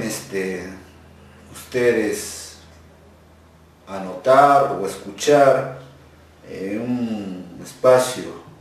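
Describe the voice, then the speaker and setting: A man teaching a grammar lesson, speaking slowly and deliberately and repeating words for dictation. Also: lowish voice. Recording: very echoey, distant mic.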